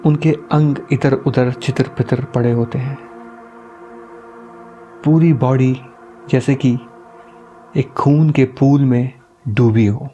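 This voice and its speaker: A male storyteller narrates a horror tale in a dramatic, suspenseful way. His voice is warm and mellow, sitting at an ordinary pitch. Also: fairly even intonation, slow pace, pauses often, highs cut off, soft background music.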